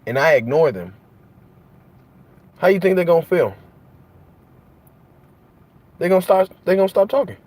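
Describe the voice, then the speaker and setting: A man's voice: high voice, lively intonation, moderate pace, pauses often, darkish tone. A man preaching in an impassioned monologue, piling up rhetorical questions and repetition. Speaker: host.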